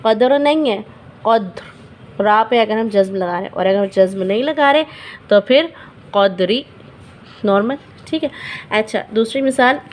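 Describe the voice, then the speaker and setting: Teaching the rules of reciting the Quran, a woman with a voice on the high side takes a patient approach. Each example word gets repeated slowly, and she keeps checking in with those learning.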